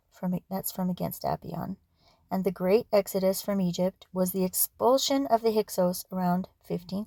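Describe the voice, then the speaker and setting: A woman with a gravelly, mellow voice reads history aloud casually, stopping for asides and to clear her throat. Her voice is wearing thin, and the sound is close and dry. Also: on the low side, no echo. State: losing her voice. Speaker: channel host reading history aloud. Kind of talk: casual read-aloud for sleep.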